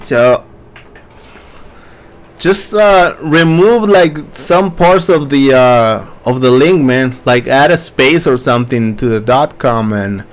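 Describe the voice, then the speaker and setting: A man's voice: medium pitch, slow pace. A man hosting a casual live webinar, reading viewer questions aloud and answering them loosely with many fillers. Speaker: webinar host.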